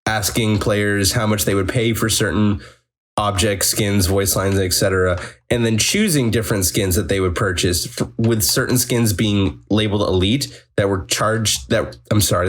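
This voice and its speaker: A man's voice: on the low side, moderate pace. Teasing, rambling man on a podcast. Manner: teasing, rambling, restarts often. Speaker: podcast co-host reading news. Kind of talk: casual gaming podcast chat.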